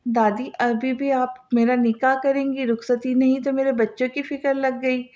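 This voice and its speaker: A woman's voice: sits high, little pitch movement, moderate pace, darkish tone, natural voice. A woman reading the lines of a stubborn, teasing young man in an audio novel. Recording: slightly dull lo-fi audio.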